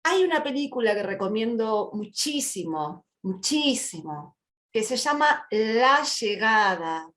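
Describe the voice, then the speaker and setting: A woman's voice: a little high, big pitch swings, takes it slowly, fairly bright tone. Woman in her fifties teaching a workshop. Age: 50s. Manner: conversational, asks "¿sí?" often, acts out little quoted scenes. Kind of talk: live online workshop talk.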